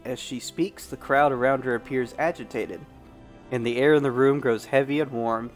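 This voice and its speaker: A man playing a video game for an audience, reading text aloud and chatting, hoarse from allergies and self-deprecating. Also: mid-range voice, steady tone, moderate pace, faint music behind. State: hoarse, throat strained by allergies. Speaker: gamer playing blind. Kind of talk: let's play commentary and reading game text.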